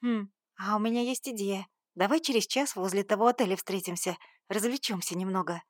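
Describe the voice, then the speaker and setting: A woman's voice: medium pitch, a little fast, dry recording, clean studio sound, close to an everyday voice. A woman voicing a brash, nosy young female friend in an audiobook, talking bluntly and indignantly. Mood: scheming. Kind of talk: audiobook character voice.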